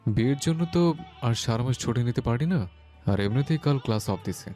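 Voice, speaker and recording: A man's voice: mid-range voice, lively intonation, a little fast, mellow, soft background music, close to an everyday voice. A man voicing a terse, reserved young husband who answers in an offhand way. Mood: curt.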